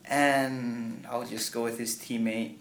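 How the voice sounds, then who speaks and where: A young man hosting a casual sports podcast, easygoing and quick to laugh at himself. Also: mid-range voice, level tone, fairly bright tone. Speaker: podcast host. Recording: echoey room with faint ambient noise.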